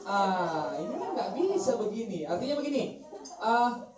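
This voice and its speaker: A man hosting a casual discussion, hesitating with fillers as he passes the turn along. He is heard from a distance in an echoey room, with a crowd clearly audible behind him. The recording sounds dull. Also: sits high, sing-song. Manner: hesitant, fills pauses. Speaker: discussion moderator. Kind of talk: casual moderating.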